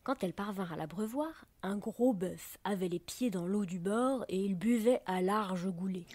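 A woman narrating a children's story aloud, gently and softly, often dropping close to a whisper. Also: medium pitch, moderate pace, slight background noise. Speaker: reader.

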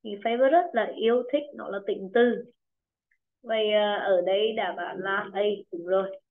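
A woman teaching an online English pronunciation lesson with a Vietnamese accent, encouraging students and repeating words slowly for them. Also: mid-range voice. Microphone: video call. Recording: tinny phone-like video call audio.

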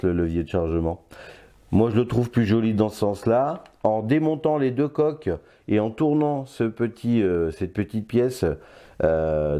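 A man's voice: fairly low pitch, warm tone. An older man reviewing a toy blaster in casual, playful chat, often stopping to hesitate. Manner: chatty and playful, with many hesitations.

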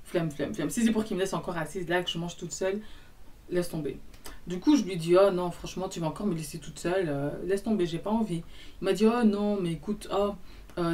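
A young woman telling a casual storytime to camera, animated, acting out both sides of a conversation. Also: fairly low pitch, far from the mic.

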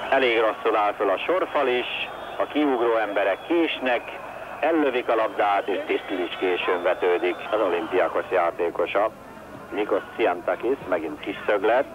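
Male football commentator from Hungary, excitable and critical, on a dull old TV broadcast with very loud background noise. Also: fairly low pitch. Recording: dull, very noisy archive TV broadcast.

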